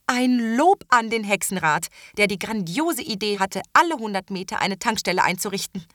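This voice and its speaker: A woman reading a children's story aloud in an expressive way. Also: medium pitch, moderate pace, no echo, studio quality. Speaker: narrator. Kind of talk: audiobook narration.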